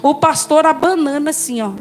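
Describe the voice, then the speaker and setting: A Brazilian woman pastor with a Brazilian Portuguese accent and a high-sitting voice shares her personal testimony at a moderate pace. She tells her story in a lively way, calling her listeners brothers and sisters, over soft background music.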